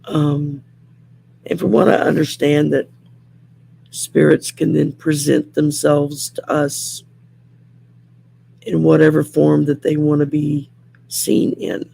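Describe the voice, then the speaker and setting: A middle-aged woman with a heavily creaky, gravelly whiskey voice chats casually as a live host. She takes her time and rambles in a plain-spoken way, over a faint hum of background noise. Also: deep voice, level tone, slow pace, pauses often, mellow. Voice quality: gravelly whiskey voice, raspy and worn. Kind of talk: casual live chat, reading out comments.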